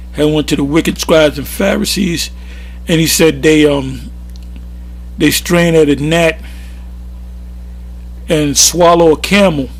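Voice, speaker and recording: A man giving an informal, rambling sermon, often restarting his sentences. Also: fairly high pitch. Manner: rambling, with frequent restarts and fillers. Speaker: religious teacher.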